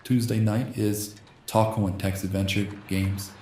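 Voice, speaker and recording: Reading a text adventure aloud in soft ASMR fashion, a gaming channel host voices every punctuation mark. His slightly hoarse voice is fairly low and flat, with a measured pace, and the recording sounds roomy with slight background noise.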